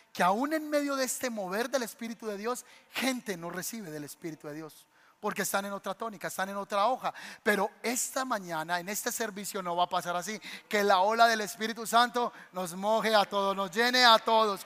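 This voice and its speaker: Male pastor, lively storyteller, bright tone, long church-hall reverb. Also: sits high. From Colombia. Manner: animated storytelling, acts out voices. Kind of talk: sermon. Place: church sanctuary.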